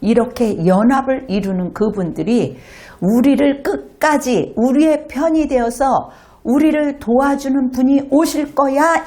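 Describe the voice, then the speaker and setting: A woman pastor giving an animated sermon to a congregation in a church, sometimes acting out children's voices. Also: sits high. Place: church sanctuary.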